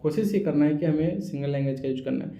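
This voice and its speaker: A man's voice: a little high, fast, mellow, echoey room. A man who works as a speech therapist, explaining to parents how to build communication skills in children, often checking that they follow. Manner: explanatory, repeats "samajh rahe ho?" to check understanding. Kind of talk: teaching talk to parents. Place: therapy center room.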